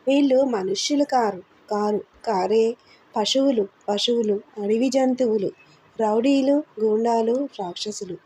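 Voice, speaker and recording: A woman's voice: a little high, unhurried, warm tone, slight background noise, close to an everyday voice. A woman voicing a battered, terrified middle-aged man in delirium, speaking in broken, pleading fragments that repeat words.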